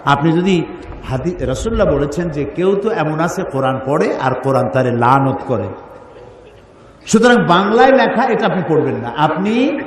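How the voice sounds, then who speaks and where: A man preaching a sermon with fervent emphasis, asking the crowd questions and chanting sacred verses. His voice sits a little high and comes from some distance off the mic. It rings through a long, echoey hall over faint background noise. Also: very animated, moderate pace. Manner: emphatic, rhetorical questions, chanted Arabic recitation.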